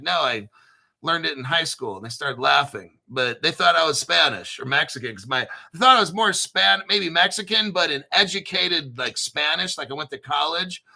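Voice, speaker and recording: Here the crypto channel host chats casually on a livestream, swearing freely, speaking bluntly, and restarting as he rambles. His voice is on the high side, creaky, with a sharp tone.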